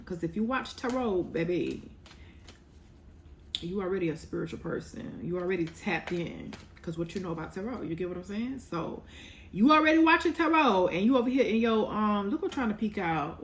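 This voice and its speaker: Blunt, animated woman reading tarot. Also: medium pitch, a little hiss or hum. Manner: blunt, animated, scolding and teasing. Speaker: tarot reader.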